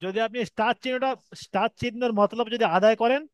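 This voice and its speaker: His voice is very high-pitched yet steady, fast, clear, and resonant as this Bengali-accented man teaches Arabic letters during an online Quran reading lesson. He explains patiently in steps and stretches sounds to model them, with no room sound in the recording.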